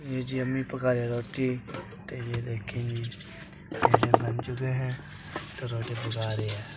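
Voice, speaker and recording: A Pakistani man with a Pakistani accent, talking fast and rambling as he vlogs from his village. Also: medium pitch, completely flat delivery. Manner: fast, rambling, says he talks fast. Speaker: village vlogger. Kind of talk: casual vlog narration. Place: rural village outdoors. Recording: noisy outdoor recording, birds. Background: birds and outdoor ambience.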